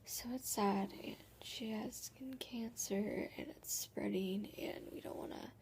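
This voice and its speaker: Hushed, creaky-voiced tearful woman vlogger. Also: mid-range voice, in a whisper. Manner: halting, subdued. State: tearful, crying. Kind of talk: personal video diary, casual chat.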